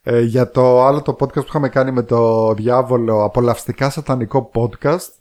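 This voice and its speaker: A man's voice: medium pitch, fairly even intonation, darkish tone. A man co-hosting a podcast, chatting casually and reading out listener messages with frequent fillers. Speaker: podcast co-host.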